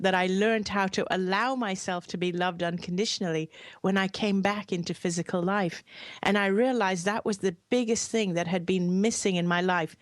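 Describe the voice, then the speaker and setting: A woman's voice: mid-range voice, dry recording, studio quality. A woman who grew up in Hong Kong, telling her personal story as an interview guest in an earnest, heartfelt way. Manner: earnest, heartfelt, softly emphatic.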